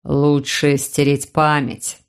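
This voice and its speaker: A woman reading the lines of a calm, grumbling male warlock uncle, lowering her voice and reasoning dryly. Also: a little slow, vocal fry.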